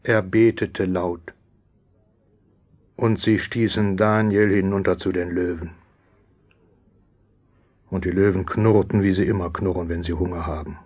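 Narrator-courtier: solemn, deliberate, lowish voice, scripted drama storytelling. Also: male voice, fairly even intonation, a little mellow, slightly rough, lo-fi sound. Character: loyal royal courtier recounting events as storyteller.

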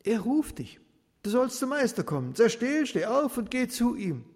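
A man voicing impatient bystanders in a crowd, loud, pushy and hurried. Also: very high voice, big pitch swings, voice pushed up, full character voice. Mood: urgent. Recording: reverberant hall.

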